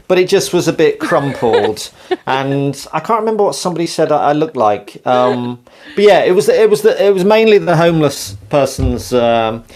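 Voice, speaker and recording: A man telling stories in a relaxed interview chat, rambling and self-mocking, breaking into laughter often. His voice sits somewhat high for a man, and he keeps swerving into asides as he talks. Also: a little hiss or hum. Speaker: interviewed performer and pianist. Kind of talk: casual podcast chat.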